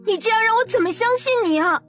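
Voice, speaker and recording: A woman's voice: very high-pitched, animated, quick pace, a bit bright, soft background music. A woman playing a proud, indignant young wife. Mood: accusing. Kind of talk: audiobook drama acting.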